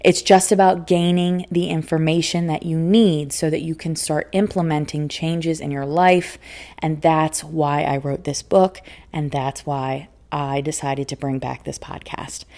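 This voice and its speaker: Slightly slow and steady, with a low, darkish voice, a woman who coaches and hosts a podcast gives a solo motivational talk on spiritual self-help. She is earnest and emphatic, frequently laughing and repeating phrases for emphasis.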